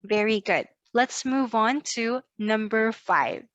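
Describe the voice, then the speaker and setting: A woman's voice: fairly high pitch, takes it slowly, a bit bright, no echo, highs cut off. A woman teaching phrases in a patient lesson, praising learners and having them repeat after her. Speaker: language teacher. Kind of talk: scripted language lesson.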